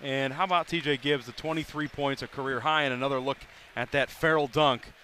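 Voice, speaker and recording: A man doing live play-by-play for a college basketball game, brisk and rising sharply on big plays. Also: medium pitch, fairly even intonation, pushed and bright. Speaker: play-by-play announcer. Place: arena broadcast booth.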